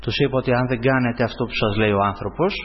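A man preaching a sermon, telling a personal story and often calling his listeners brothers. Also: slight background noise. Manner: animated storytelling, swings up in pitch. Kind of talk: sermon testimony. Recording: dull sound in a hall with long reverb.

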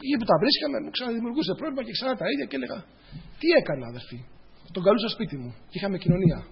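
A man's voice: very high-pitched, very animated, creaky, slightly rough, highs cut off. A man preaching a sermon, addressing the congregation as brothers, telling personal stories and repeating phrases for emphasis.

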